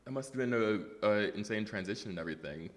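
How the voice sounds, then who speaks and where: Deep-voiced man hosting a playful interview. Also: lively intonation, fast talker, long reverb tail. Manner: playful, laughs easily, teasing questions. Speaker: podcast host. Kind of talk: casual interview. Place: studio.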